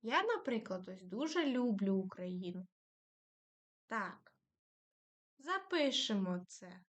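A woman's voice: mid-range voice, very animated, takes it slowly. A woman teaching a primary school lesson to young children, dictating patiently and praising them often.

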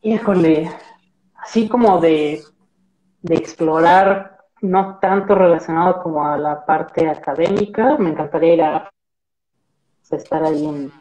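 A young man with a Mexican Spanish accent, a marine biologist guest chatting in a relaxed, rambling way with many fillers over a video call from a small room. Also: fairly high pitch, unhurried, low-quality recording. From central Mexico. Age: young adult. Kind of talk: casual video-call interview chat. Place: small indoor room with plain wall. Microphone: laptop video call.

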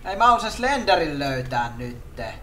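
A young man hosting comedy gaming clips, excitable, often shouting and laughing. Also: a little high, recorded from a distance. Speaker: channel host.

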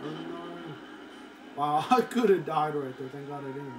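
Chatty high-voiced man narrating gameplay. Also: moderate pace, low-quality recording. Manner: chatty, talks to himself while playing, excitable outbursts. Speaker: gameplay commentator. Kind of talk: casual let's-play commentary. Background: video game music.

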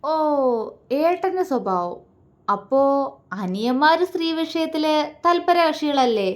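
Sneering, menacing young man from a story, read by a woman, slow and taunting, voice sits a bit high. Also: expressive. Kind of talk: storybook reading.

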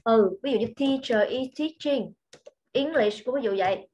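A woman's voice: on the high side, unhurried, a little mellow. A woman teaching an English grammar lesson online, explaining step by step and often checking that students follow. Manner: patient, repeats points and checks understanding.

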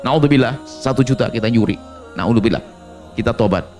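A man preaching a sermon in an animated storytelling way, acting out little dialogues and laughing along. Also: mid-range voice, brisk, soft background music.

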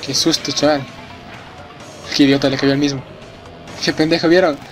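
A young man with a highish voice and moderate pace provides live racing-game commentary. Excitable and swearing a lot, he reacts loudly to the race over the game's music and sound effects.

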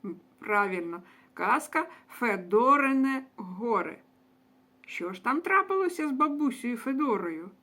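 A woman's voice: on the high side, sing-song, measured pace, sharp tone. Affectionate woman wrapping up a children's lesson. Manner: affectionate, addresses children as dear ones. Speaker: preschool teacher. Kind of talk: lesson wrap-up for young children.

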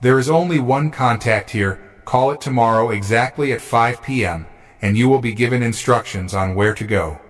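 A man reading as a calm mysterious masked recruiter. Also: mid-range voice, moderate pace, natural voice. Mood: composed.

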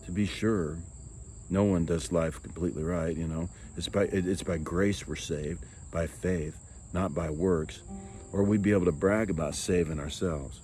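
A man's voice: deep voice, steady tone, moderate pace, dark tone, a little hiss or hum. A man giving an earnest, reflective sermon-style talk as preacher and songwriter, often repeating words as he goes. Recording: music bed playing behind the voice.

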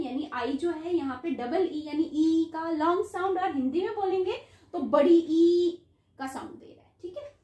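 A woman teaching phonics online, sounding out each word slowly, syllable by syllable, and calling her students "beta". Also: high voice, dark tone, echoey room, low-quality recording.

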